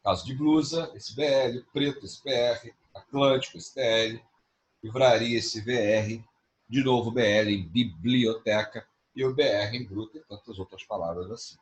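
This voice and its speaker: Brazilian male teacher, mid-pitched, explanatory lecture manner, checks in with students often. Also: moderate pace. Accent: Brazilian Portuguese. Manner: explanatory, with frequent tag questions. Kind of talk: online class lecture.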